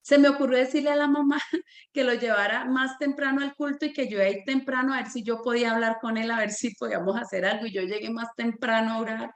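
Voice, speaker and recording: A woman who directs a Sunday school, telling a personal testimony in a church teaching as a lively storyteller. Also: a little high, quick pace, roomy sound.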